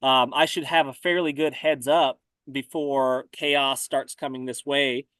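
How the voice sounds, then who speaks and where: A man talking casually about survival gear, relaxed and often repeating words as he thinks. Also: medium pitch, unhurried, smooth, no echo. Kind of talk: casual conversation.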